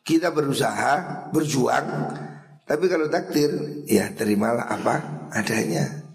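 Man, middle-aged, Javanese accent, preacher, conversational lecture, gravelly voice, roomy echo. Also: medium pitch, animated, measured pace. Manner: conversational, mixes in regional phrases, frequent throat clearing. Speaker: Islamic preacher teaching a kitab study class. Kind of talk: informal religious lecture.

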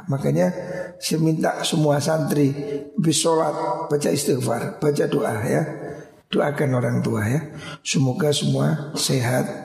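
A man's voice: on the high side, gravelly, a little mellow. A middle-aged man with an East Javanese accent teaching a pesantren kitab study, folksy and joking, mixing Javanese into his Indonesian. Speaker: Islamic cleric teaching a hadith book. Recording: echoey hall recording.

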